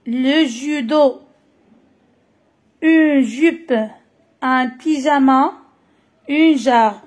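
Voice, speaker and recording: Slow high-voiced Moroccan woman teacher. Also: darkish tone. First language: Moroccan Arabic. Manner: slow, repeats each word carefully. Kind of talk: French phonics lesson for children.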